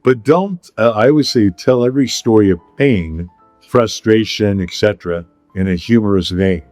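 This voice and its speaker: A middle-aged man hosting a relaxed talk, drifting from one story to the next. He keeps circling back on himself and breaking into laughs. His voice sits close and dry on the mic, with faint music under it. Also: on the low side, normal speed, no room sound. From Pacific Palisades, California. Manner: rambling storyteller, laughs often. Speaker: podcast host. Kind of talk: casual chat.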